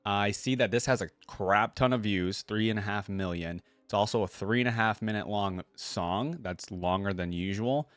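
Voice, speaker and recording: A man with a fairly low, slightly bright voice speaks at a moderate pace with hardly a break, recorded dry. As a reaction video host he thinks out loud in slangy commentary over the game trailer's theme music.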